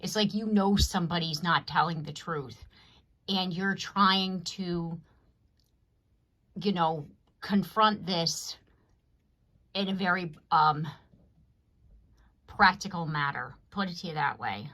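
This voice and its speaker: A woman's voice: on the low side, slow, long pauses, sharp tone. A woman reading tarot cards for an audience in a rambling, conversational way, often checking in with "you know what I mean.". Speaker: tarot reader. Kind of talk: casual collective tarot reading to camera.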